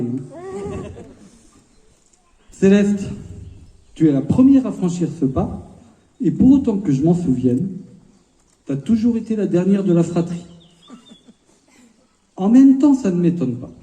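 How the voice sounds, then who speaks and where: A man's voice: fairly high pitch, warm tone, echoey room, low-quality recording. A man in his fifties, the bride's father, giving a playful, teasing wedding speech with asides.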